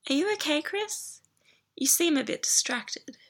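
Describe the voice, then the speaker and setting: A woman's voice: high-pitched, lively intonation, a little slow, a bit bright, voice pushed up, full character voice. A woman doing Angela, a teasing purring whisperer. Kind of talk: whispered role-play.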